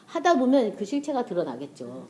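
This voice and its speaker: A woman's voice: fairly high pitch, sing-song, moderate pace, mellow. A woman preacher giving a casual, conversational sermon and acting out prayers and inner voices.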